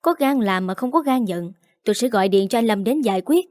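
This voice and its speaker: A woman's voice: a little high, animated, a little fast, a little mellow, dry recording, clean studio sound, natural voice. A woman voicing a spiteful, bratty young woman who taunts and sneers, in an audiobook. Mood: whining. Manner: sneering, mocking. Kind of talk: audiobook character voice. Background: faint background music.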